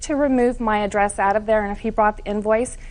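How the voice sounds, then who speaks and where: A woman's voice: medium pitch, fairly even intonation, a little fast, darkish tone. Earnest woman giving court testimony. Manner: earnest, detailed, defensive. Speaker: plaintiff.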